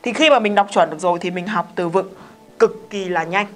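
A woman talks through an English pronunciation lesson at a middle pitch. She explains things patiently, slows down to repeat example words, and keeps checking in with rhetorical questions. Faint music plays underneath. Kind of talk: casual video lesson.

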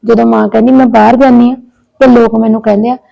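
A caring but anxious elder sister-in-law talks on earnestly, pleading and complaining in long runs, played by a woman. Her voice is fairly high and mellow. It is plain village short-film acting. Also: level tone, quick pace, creaky, lo-fi sound. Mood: worried, caring. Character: elder daughter-in-law, childless, kind and anxious.

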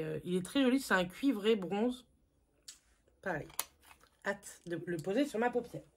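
A woman's voice: a little high, slight background noise. A woman beauty vlogger talking casually through a makeup haul at home, chatty and self-mocking, with lots of fillers.

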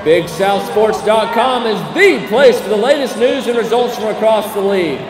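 Courtside in an indoor basketball arena, a young adult American man calls the game as public address announcer, booming like a showman and drawing out names into a desk microphone on a short stand. The sound is echoing arena PA, buried in loud crowd noise and arena ambience.

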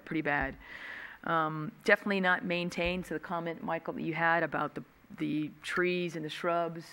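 Bright-voiced woman at a council dais. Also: sits low. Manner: conversational, many ums, gestures with both hands. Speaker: city council member. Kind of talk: council meeting remarks. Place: council chamber, seated at dais. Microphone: desk gooseneck mic.

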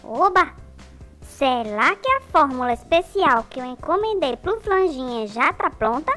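Woman doing an eager high-pitched little cartoon boy. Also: very animated, unhurried, sharp tone, faint music behind, exaggerated voice. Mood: excited, hopeful. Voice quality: says L in place of R. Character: eager, gullible little boy with childish speech. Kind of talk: comic-strip character voicing.

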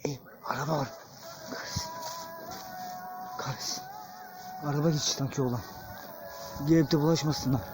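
A man's voice: on the high side, steady tone, fast talker, music in the background. A man filming a ghost-hunting vlog alone in an open field at night, frightened, muttering prayers and curses under his breath. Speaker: paranormal vlogger. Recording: noisy outdoor night recording.

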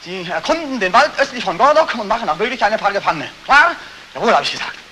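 An actor playing a haunted soldier back from war, tormented, swinging between strained cries and hushed whispers, in 1940s film acting. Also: male voice, on the low side, lively intonation, normal speed, low-quality recording. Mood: agitated. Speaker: war returnee Beckmann. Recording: hissy old 1949 film soundtrack.

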